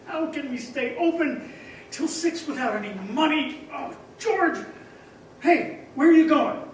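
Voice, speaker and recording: A man's voice: very high-pitched, expressive, measured pace. A man playing a flustered, panicky uncle from a loan office in a staged radio play. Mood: panicked. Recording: echoey hall, distant mic, faint noise.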